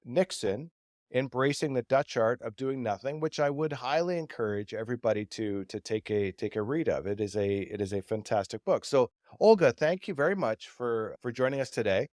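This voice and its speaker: A man's voice: medium pitch, normal speed, a little mellow, no room sound, studio quality. A man hosting a podcast interview, asking long questions with many repeated words. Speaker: podcast host.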